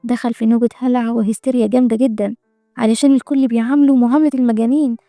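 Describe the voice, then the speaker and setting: Egyptian woman narrating a recap, rapid and gravelly, mellow tone, dry close sound. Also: on the high side, fairly even intonation, no room sound, soft background music. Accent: Egyptian Arabic. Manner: colloquial, wry asides.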